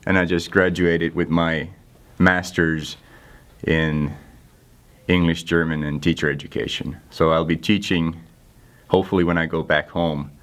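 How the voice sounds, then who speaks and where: A young man from Finland, a native Finnish speaker with a Finnish accent, answers interview questions casually as a guest intern, using dry, self-deprecating humor. His voice is deep with little pitch movement, and his pace is measured.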